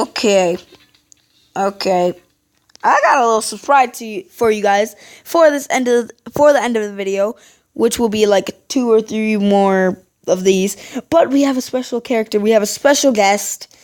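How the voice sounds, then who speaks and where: A woman's voice: mid-range voice, a little mellow. A woman YouTuber giving playful, chatty let's-play commentary and talking back to the game.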